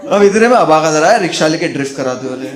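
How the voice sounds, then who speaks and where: A male stand-up comedian telling a story, loud and animated, acting out the characters' voices. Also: a little high, fast, very noisy. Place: comedy stage before a live audience. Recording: echoey venue with loud audience laughter.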